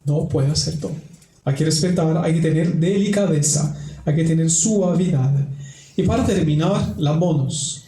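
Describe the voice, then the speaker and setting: A man with a fairly high, soft-edged voice speaks as a priest to the faithful. His delivery is didactic, leaning on repeated phrases. The room rings around him like a cathedral, with a faint noise underneath. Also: normal speed, echoey room, low-quality recording. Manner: didactic, repeats phrases for emphasis, tag questions. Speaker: priest giving a family workshop. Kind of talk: religious talk and prayer. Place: large reverberant indoor room.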